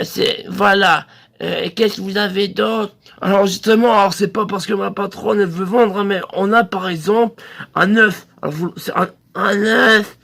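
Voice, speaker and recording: Man, comic phone-sketch receptionist; raspy, gravelly, bright voice pitched high, rambling crude sales pitch. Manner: rambling, crude salesman patter full of hesitations. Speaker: sex-shop phone receptionist character.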